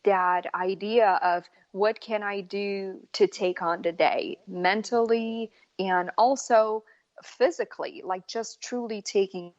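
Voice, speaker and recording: A woman in her forties, born in Bosnia and raised in Germany, speaking as an as a makeup artist guest on an interview podcast, unhurried and earnest. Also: medium pitch, steady tone, no echo, muffled recording. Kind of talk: casual interview talk.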